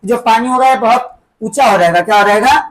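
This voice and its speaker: A woman with a slightly high voice teaches a school lesson. She explains in small steps and keeps pausing to fire repeat-back questions at the class, tagging nearly every sentence with a quick check-in. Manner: tags sentences with "है ना" and "ठीक है बेटा".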